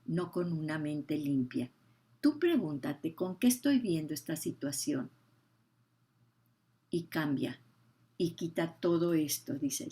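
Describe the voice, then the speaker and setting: An older woman, teaching the Bible with emphasis, repeating key phrases and asking her listeners questions. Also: lowish voice.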